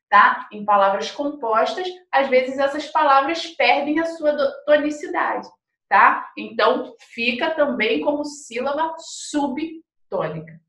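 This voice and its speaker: High-voiced Brazilian woman teaching slowly. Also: fairly bright tone. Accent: Brazilian Portuguese. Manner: explains slowly with rhetorical questions and tag questions. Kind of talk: grammar lesson explanation. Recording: echoey room, from a distance.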